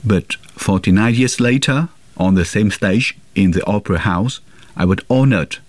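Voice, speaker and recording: A man's low, fairly deep voice carries a translation voice-over in the first person. He speaks in a measured, earnest way, and the sound is close and dry with no room around it. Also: no echo. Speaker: interpreter voicing an interviewee. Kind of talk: translated interview testimony.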